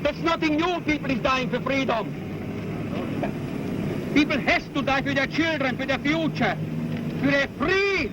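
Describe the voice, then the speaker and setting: A furious man with a Hungarian accent lectures a crowd on an outdoor street, his voice pitched very high. He berates and scolds without pause. Loud traffic and street noise run under an old archive recording. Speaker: counter-protester. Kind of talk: street interview.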